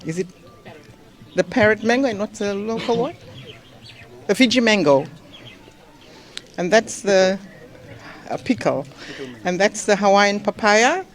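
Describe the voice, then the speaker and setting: A man giving a halting, unscripted explanation as a presenter. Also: high voice. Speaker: fruit export presenter.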